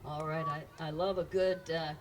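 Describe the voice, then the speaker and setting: A woman's voice: low voice, fairly even intonation, moderate pace, noisy background. A woman hosting a live children's music show, chatting and encouraging kids and parents from an outdoor stage. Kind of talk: live stage banter with a family audience. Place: outdoor evening concert stage. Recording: distant live stage sound with loud music. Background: loud live band music.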